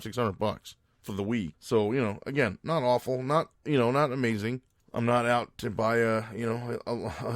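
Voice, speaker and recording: Man from new jersey, podcast host, rambling casual rant, swears freely, lowish voice, dry close sound. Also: dry recording. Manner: rambling, profane, self-promoting.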